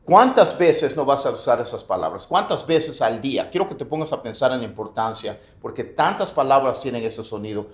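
A man giving a casual video lesson on English pronunciation, animated, saying sample words first wrong and then right. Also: medium pitch, brisk, hardly any pauses, reverberant.

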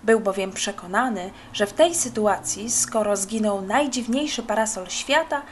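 Female narrator for a children's storybook, mid-pitched, expressive, lively dialogue delivery. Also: normal speed, a little hiss or hum. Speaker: audiobook narrator. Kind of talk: children's book reading.

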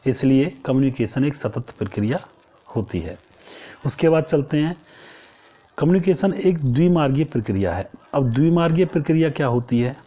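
A man's voice: medium pitch, animated, moderate pace, warm tone. A male teacher giving an exam-prep lecture, asking rhetorical questions and answering them himself, and repeating key phrases for emphasis.

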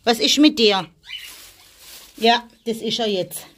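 A woman's voice: fairly high pitch, slow pace, fairly bright tone. A woman filming a casual vlog in a stable, chatting to the viewer and coaxing her animals in a sing-song voice. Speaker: vlogger.

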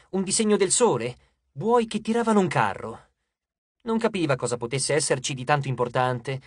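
A man's voice: fairly high pitch, breathy edge, no echo, studio quality. A man narrating an audiobook, telling the story expressively. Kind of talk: scripted narration.

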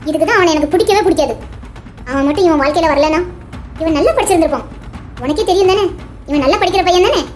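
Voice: very high voice, fast, long pauses, darkish tone, soft background music. A performer voicing a friend in a cartoon who lectures and presses for answers. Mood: lecturing. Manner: lecturing, insistent. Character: young friend Sakthi, preachy advice-giver. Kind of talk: cartoon voice acting.

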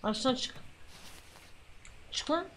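A woman streamer giving gameplay commentary, brash and mock-stern, scolding and swearing playfully with loud bursts and teasing asides. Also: a little slow, a little hiss or hum.

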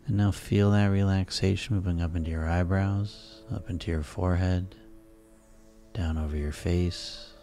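Very deep, soothing male sleep hypnosis guide. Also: fairly even intonation. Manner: soft, soothing, unhurried delivery with pauses. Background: relaxation music.

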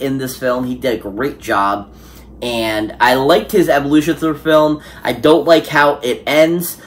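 A man's voice: mid-range voice, fairly bright tone. A man giving a casual spoken film review, enthusiastic and rambling, with many fillers and restarts. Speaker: movie reviewer.

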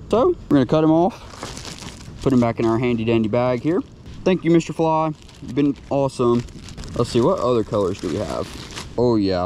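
Standing at a lakeside, a young man films his own fishing outing on a chest-mounted action camera, talking excitedly to each fish he fights. He has a warm, mellow, mid-range voice, and a light hiss of wind and outdoor ambience runs in the background.

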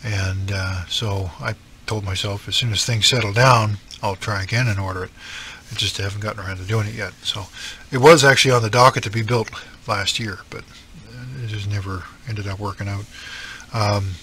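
A man's voice: on the low side, steady tone, moderate pace, a bit bright, husky. A middle-aged man with an East Coast Canadian accent, chatting casually and rambling about his hobby with many ums and self-deprecating asides. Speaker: scale modelling channel host. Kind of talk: casual chat.

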